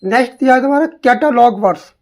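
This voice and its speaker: A young woman teaches an exam-prep lesson on literary terms. She asks a question, answers it herself and repeats key words to drive them home. Her voice sits a little high. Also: fast talker, a little mellow.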